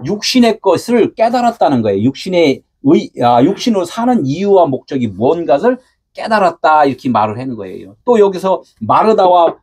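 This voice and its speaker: A pastor preaching a sermon, asking his listeners questions and answering them himself, at times raising his voice to a shout. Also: fairly high pitch, big pitch swings, normal speed, slightly rough. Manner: asks the congregation rhetorical questions and answers them.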